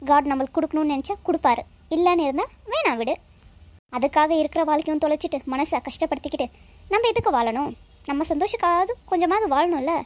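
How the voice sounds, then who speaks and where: A woman's voice: sits high, a little mellow, no room sound, lightly acted. A woman voicing a young married man in a cartoon, argumentative with his uncle and lecturing his wife. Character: young married man, sharp-tongued and defensive.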